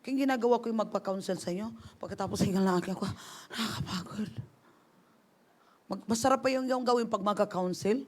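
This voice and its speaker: A woman pastor preaching a conversational sermon, swinging between loud emphasis and quiet, confiding asides. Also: mid-range voice, brisk. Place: church service.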